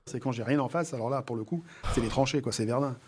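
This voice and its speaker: A man's voice: medium pitch, fast, darkish tone, slightly rough. A man, a job candidate on a TV show, boastful and sure of himself. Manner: boastful, self-assured. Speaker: job candidate in a televised recruitment exercise.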